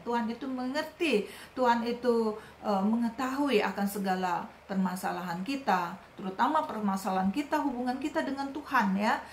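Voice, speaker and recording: Gentle woman preaching, echoey. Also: fairly high pitch. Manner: gentle, repeats "ya" and "gitu" often. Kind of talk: sermon. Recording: echoey room with faint noise.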